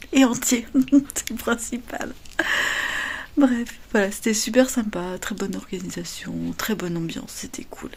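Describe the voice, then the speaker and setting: Chatty woman in a hushed half-whisper. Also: a little high, slight background noise. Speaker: knitting vlogger. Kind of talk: casual chat. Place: home, early morning.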